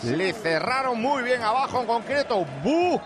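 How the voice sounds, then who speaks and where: A man doing live play-by-play football commentary for radio, with rapid, rising calls as the action builds. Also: extremely high pitch, lively intonation, noisy background.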